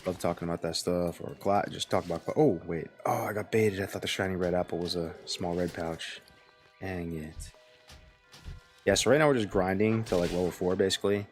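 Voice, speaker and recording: A man's voice: deep voice, a little fast, soft background music. A male game streamer chatting casually while he plays, rambling with lots of fillers and sounding sleepy and yawning. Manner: rambling, filler-heavy, laid-back. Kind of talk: casual live-stream chat while playing.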